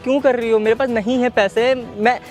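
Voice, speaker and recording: A man playing a desperate young husband deep in debt, pleading with his wife, exasperated, stammering and repeating himself. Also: fairly even intonation, a little fast, faint music behind. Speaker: husband in a skit.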